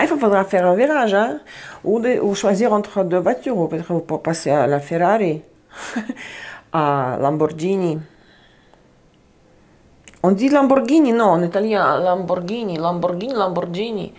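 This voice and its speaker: A woman's voice: on the low side, a little mellow. A woman giving a casual tarot reading, chatty, often searching for words and repeating herself. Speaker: tarot reader.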